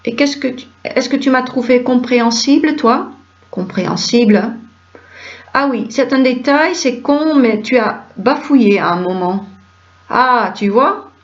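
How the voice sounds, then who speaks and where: Woman reading a play aloud, all roles, higher voice, brisk through the dialogue, dull lo-fi sound. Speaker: reader of a play script. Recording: dull lo-fi recording.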